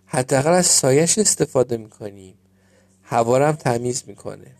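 A man's voice: medium pitch, lively intonation, darkish tone, dry recording, lightly acted. A man voicing a cheerful bald park gardener in a storybook tale, plain and friendly. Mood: pleased.

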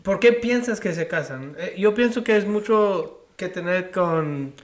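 A man's voice: high-pitched, unhurried. A man in casual chat who argues with statistics, mixing English words in and asking ¿verdad?.

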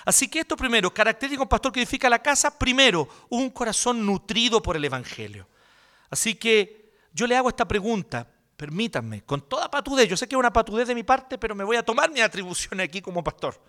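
A Chilean-accented male pastor preaches a sermon in a casual, joking, colloquial way. His voice sits high for a man and has a bright, ringing tone. His pitch swings widely as he talks. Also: expressive, quick pace.

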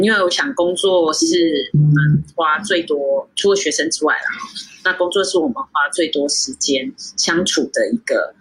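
A woman in her thirties from Taiwan, chatting as a guest over a video call, with a lowish, bright, slightly husky voice. She talks loosely and laughs often, with many fillers. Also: rough recording. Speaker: guest sommelier. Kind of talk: casual interview over a remote call.

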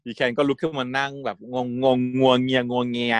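A man retells a series episode in a loose, chatty way, giggling often and putting on the characters' lines. His pitch sits in the middle of the range. The sound is close and dry, with no room around it. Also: little pitch movement, fairly quick, clear, resonant tone, dry recording. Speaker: series recap host. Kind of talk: casual storytelling recap.

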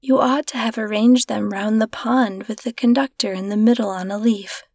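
A woman's voice: on the high side, fairly even intonation, normal speed, darkish tone, dry recording. Woman reading as a gushing young society girl, trilling and affected, dry close sound.

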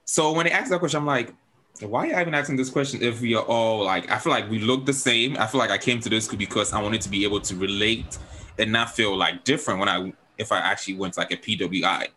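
Bright-voiced chatty male podcast host. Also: lowish voice, fast talker, a little hiss or hum, low-quality recording. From Africa. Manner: chatty, often checks in with listeners. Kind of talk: casual podcast chat.

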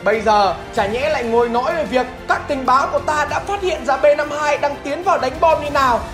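High-voiced woman narrating history. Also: fairly quick. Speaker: host of a history show. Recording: roomy echo with music.

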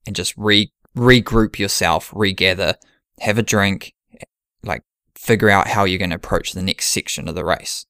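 A man's voice: sits low, normal speed, pushed and bright, clear, resonant tone, no echo, studio quality. A man in casual podcast chat, planning an ultramarathon and thinking aloud with many restarts.

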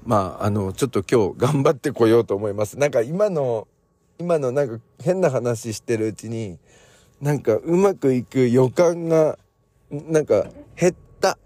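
A man hosting a casual solo morning podcast, chatty and digressive, joking along and filling pauses with lots of fillers. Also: medium pitch, animated, warm tone, no echo. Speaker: podcast host.

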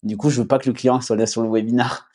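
A young man with a southwest French accent, chatting casually as a podcast guest, relaxed, with many fillers and restarts. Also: medium pitch, quick pace, slightly rough. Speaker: podcast guest, agency founder. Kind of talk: casual conversation.

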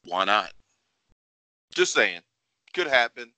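A man's voice: lowish voice, very animated, takes it slowly, bright, forceful tone, no room sound. A man hosting a casual sports podcast, speculating in a teasing, opinionated way. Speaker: wrestling podcast host.

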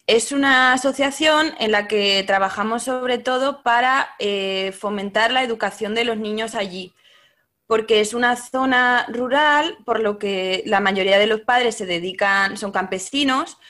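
A woman's voice: on the high side, unhurried, a bit bright. A woman, a teacher speaking as a podcast guest, thoughtful and often hesitating. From Spain. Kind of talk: casual interview talk.

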